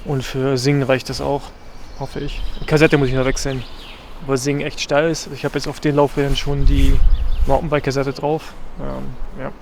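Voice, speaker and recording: A man chatting casually to the camera in a relaxed, rambling way, with many filler sounds. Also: medium pitch, normal speed, creaky, slight background noise. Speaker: pro gravel cyclist vlogging a race trip. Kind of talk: casual vlog chat to camera.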